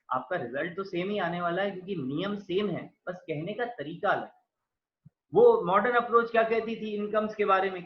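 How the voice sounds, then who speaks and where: A man giving a patient classroom lecture on accounting. He talks to his students as "beta" and writes on a board as he speaks. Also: high-pitched. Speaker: accounting teacher. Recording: echoey dull lo-fi room sound.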